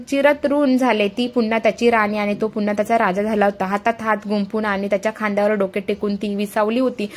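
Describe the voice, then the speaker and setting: A woman reading a story aloud, stumbling and restarting on words now and then as she goes. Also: a little high. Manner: reads all characters in her own voice.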